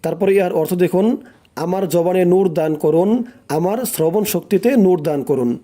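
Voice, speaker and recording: A man's voice: high voice, fairly even intonation, fairly quick, warm tone. A man teaching a recitation lesson, breaking words into syllables, drawing out the recited phrases and having listeners repeat after him.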